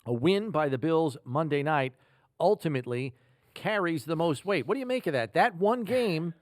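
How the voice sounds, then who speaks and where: A male sports podcast host with an American accent works through football statistics in a measured, analytical yet conversational manner. His voice is fairly high with lively intonation, and the studio-quality audio has no echo.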